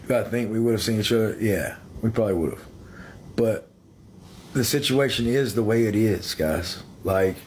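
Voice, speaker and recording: A man's voice: lowish voice, moderate pace, a little hiss or hum. A man of thirty-eight talking casually to viewers on a phone livestream from a small room. He hesitates and repeats himself as he speaks straight to the audience. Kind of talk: casual live chat. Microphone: phone held close.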